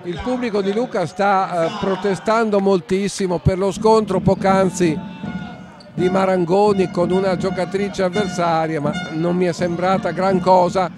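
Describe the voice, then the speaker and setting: High-pitched man commentating live basketball. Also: steady tone, a little slow, music in the background. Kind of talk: live sports commentary and analysis. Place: sports hall during a live game.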